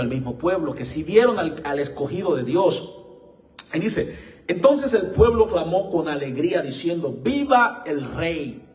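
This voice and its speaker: A man with a somewhat high voice preaches a live-streamed sermon, slow and emphatic, his voice swelling as he reads scripture. He keeps addressing listeners as brothers and friends, recorded in an echoey room with the mic far off.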